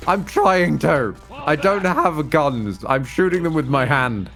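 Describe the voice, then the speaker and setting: A man's voice: a little high, sing-song, slow, fairly bright tone, faint music behind. Wry man bantering over a game. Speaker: game streamer, co-host. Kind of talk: casual gaming banter and commentary.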